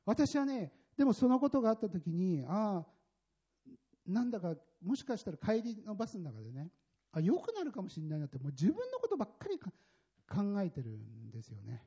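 A man gives a church testimony in a husky, mellow voice that swings widely up and down in pitch as he tells his story emphatically. The sound is dull and lo-fi. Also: huge pitch swings, fairly quick. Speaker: church member giving testimony. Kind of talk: personal testimony in a sermon. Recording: dull lo-fi recording.

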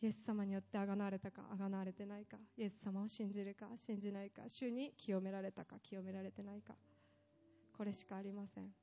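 A woman's voice: mid-range voice, level tone, fast talker, mellow, dull audio. A woman preaching a sermon with impassioned delivery, building up long emphatic lists.

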